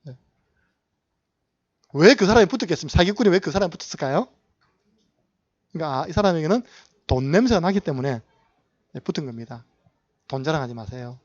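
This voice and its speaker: A man's voice: a little high, lively intonation, brisk, pauses often, dry recording, highs cut off. A male pastor preaching a sermon, asking the congregation questions and acting out short dialogues.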